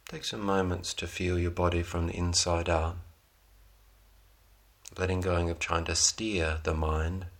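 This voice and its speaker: A man leading a guided relaxation meditation, giving soothing, unhurried instructions in short phrases with pauses between them. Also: deep voice, level tone.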